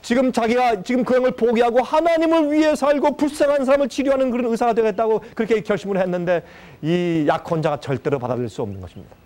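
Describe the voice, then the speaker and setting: A man's voice: extremely high pitch, quick pace. A man preaching, telling a story and acting out its people in quoted speech. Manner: animated, acts out the people in his story. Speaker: pastor. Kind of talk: sermon storytelling.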